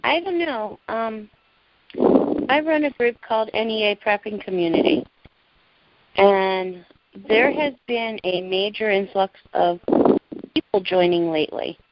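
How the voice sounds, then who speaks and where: A woman in her forties calling in to a group call, speaking earnestly with some halting restarts. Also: medium pitch, highs cut off. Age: 40s. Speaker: caller, prepping group organizer. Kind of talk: casual conference call chat.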